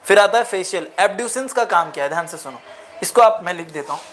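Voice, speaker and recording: A man's voice: sits high, lively intonation, fast talker, a bit bright. A man teaching a lecture, mixing in English phrases and asking the class questions again and again. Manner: asks the class repeated questions.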